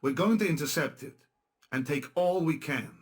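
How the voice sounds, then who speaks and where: A husky, fairly high male voice at a moderate pace plays a resistance leader in a game cutscene. He briefs his fighters bluntly, with a dry, sarcastic, matter-of-fact edge.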